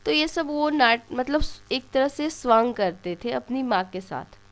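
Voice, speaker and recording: A woman's voice: high voice, animated, unhurried. A young woman teaching an exam-prep lesson, telling little stories and asking questions that she then answers herself. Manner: storytelling, asks questions and answers them herself.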